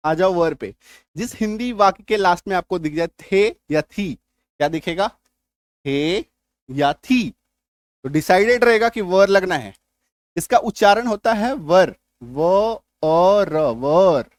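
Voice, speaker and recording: A man with a high voice teaches grammar, walking through each step and pausing often to ask if it is clear. The recording is dry and close, with no room sound. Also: expressive, no echo. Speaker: English teacher. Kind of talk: grammar lesson.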